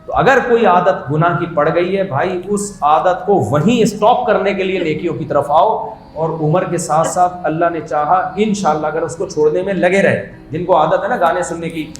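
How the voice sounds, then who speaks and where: A man giving a humorous sermon, conversational and jokey, building to animated emphasis. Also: fairly high pitch. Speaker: Islamic preacher. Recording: roomy echo.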